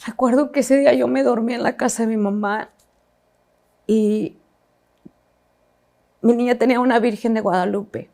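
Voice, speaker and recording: A woman recounts her own story as a personal testimony. Her voice sits a little high, with a gravelly fry running through it. She speaks haltingly and reflectively, often pausing and restarting her sentences. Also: steady tone, dark tone.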